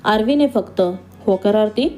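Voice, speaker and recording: A woman narrating a romance story in a steady, scripted storytelling manner. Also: mid-range voice, moderate pace.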